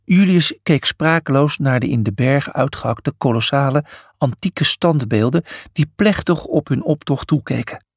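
Gravelly, lively male storybook narrator. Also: medium pitch, moderate pace, no room sound, clean studio sound. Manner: lively, expressive reading. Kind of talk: storybook reading.

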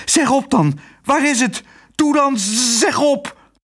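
A man's voice: mid-range voice, wildly swooping pitch, measured pace, slightly rough, exaggerated voice. A man reading aloud and voicing a nervous, fussy village mayor who gets agitated and stammers. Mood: frantic.

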